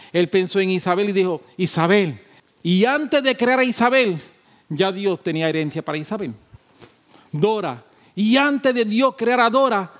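A male pastor preaches a sermon in a somewhat high voice, repeating points emphatically as he swells into loud exhortation, then sinks into quiet, low speech.

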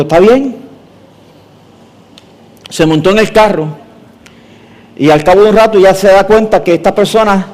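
Theatrical preacher man. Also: high voice. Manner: theatrical, animated storyteller. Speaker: pastor. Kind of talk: sermon with personal storytelling.

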